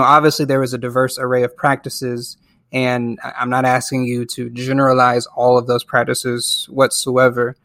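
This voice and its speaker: A man's voice: mid-range voice, a bit bright, no echo, studio quality. A man hosting a podcast interview, asking long and careful questions. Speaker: podcast host.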